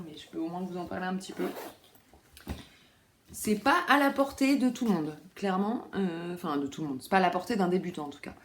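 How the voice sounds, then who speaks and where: A woman's voice: on the low side, roomy sound. A woman hosting a knitting podcast, talking casually with many fillers and asides, in a room at home by a window. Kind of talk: casual chat.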